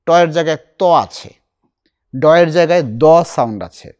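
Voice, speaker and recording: A middle-aged man teaching a recitation class, explaining slowly and asking his students questions. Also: on the high side, animated, darkish tone.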